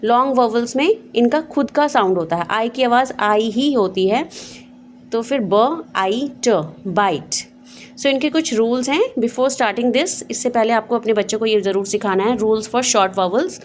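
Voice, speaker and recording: A woman with an Indian accent who teaches vowel sounds to parents, spelling words out slowly, sound by sound. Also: fairly high pitch, a little hiss or hum. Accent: Indian English. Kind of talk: phonics lesson for parents.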